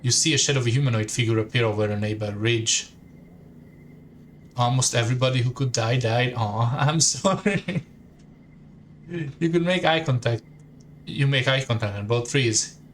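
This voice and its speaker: A man's voice: medium pitch, moderate pace, long pauses, fairly bright tone, a little hiss or hum. A man streaming a story game, reading the text aloud in second person and adding casual asides.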